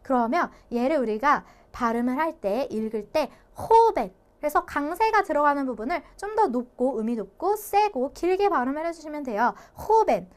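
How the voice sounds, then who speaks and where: A woman's voice: high-pitched, animated, normal speed, hardly any pauses. A young woman teaching an online language lecture, explaining step by step and repeating key points with playful asides.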